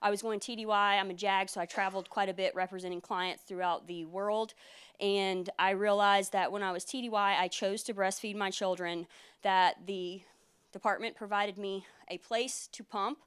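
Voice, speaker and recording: A woman in her thirties, a military lawyer, giving an earnest conference presentation with frequent fillers, her voice a little hoarse. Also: medium pitch, steady tone, moderate pace, a bit bright. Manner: earnest, explanatory, many fillers. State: losing her voice.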